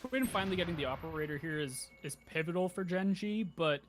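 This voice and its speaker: A man giving color commentary as an esports caster, animated and sounding incredulous as he analyzes the plays. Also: fairly high pitch, a little fast.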